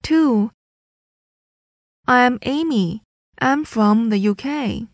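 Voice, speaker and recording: A woman's voice: fairly high pitch, drawn-out words, dry recording, clean studio sound. A woman reading English listening-test items carefully, repeating each sentence. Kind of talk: slow, clearly enunciated test reading.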